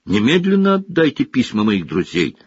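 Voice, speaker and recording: A man voicing an earnest, upset young wizard boy in an urgent, hushed way, close to his own reading voice. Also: medium pitch, wildly swooping pitch, moderate pace, slightly rough, no echo. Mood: defiant. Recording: slightly dull, dry recording.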